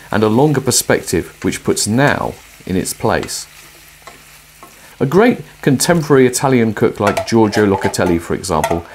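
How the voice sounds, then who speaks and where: A middle-aged man presenting a cooking and philosophy film in his home kitchen, explaining ideas in a thoughtful, lively way. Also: medium pitch, slight background noise. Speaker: host.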